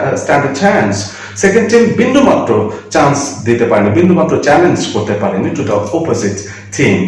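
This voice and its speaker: A man explains English grammar with a lively, rising and falling voice. He repeats example words and answers his own questions. He speaks some way off the mic in a very echoey room. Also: fairly high pitch, distant mic, slight background noise. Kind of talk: classroom grammar lesson.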